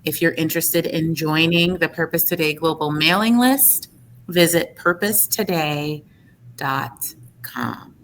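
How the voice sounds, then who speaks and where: A woman's voice: deep voice, unhurried, a bit bright, slight background noise. A woman hosting a podcast interview, upbeat and enthusiastic. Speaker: podcast host.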